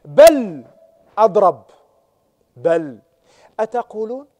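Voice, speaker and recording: A man's voice: high voice, very animated, takes it slowly, darkish tone. A man teaching a class on Quranic exegesis, repeating key words and often checking that students follow. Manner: checks understanding with rhetorical questions, stresses and repeats key words.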